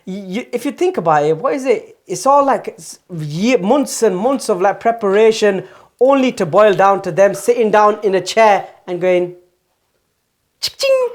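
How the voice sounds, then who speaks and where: Male podcast host, casual and animated, foul-mouthed storyteller. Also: high-pitched, normal speed. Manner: animated storyteller, swears freely. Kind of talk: casual chat.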